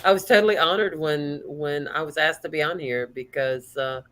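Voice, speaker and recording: Lady sales coach, lowish voice, chatty storyteller guest. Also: normal speed, fairly bright tone, a little hiss or hum. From North Carolina, USA.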